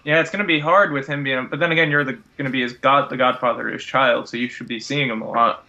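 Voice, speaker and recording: Bright-voiced man on a dull call. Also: mid-range voice, fairly even intonation, fast talker, creaky. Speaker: podcast co-host. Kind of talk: casual chat. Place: remote internet voice call. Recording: dull, lo-fi internet call audio.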